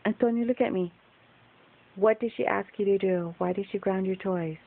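A woman's voice: mid-range voice, normal speed, creaky. A woman on a home phone video firmly and patiently questioning a child. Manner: firm, patient, repeatedly questioning. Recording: tinny lo-fi phone recording with hiss.

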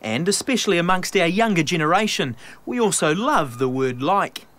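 A man's voice: high-pitched, expressive, normal speed, fairly bright tone, no room sound. A man reading a scripted news-feature narration in a breezy, wry manner. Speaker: reporter narrating.

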